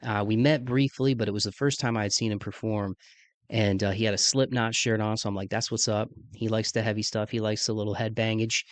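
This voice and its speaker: A man in his mid-thirties hosts a podcast, talking casually with lots of slang and "man." His fairly low, steady voice moves a little fast and is deeper than usual because of sinus congestion. No room sound comes through.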